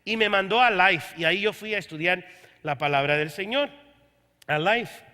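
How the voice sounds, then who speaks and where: A man's voice: sits high, moderate pace, pushed and bright. A man preaching a sermon as pastor, telling his story with quoted dialogue. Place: church service. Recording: long hall reverb from a church room.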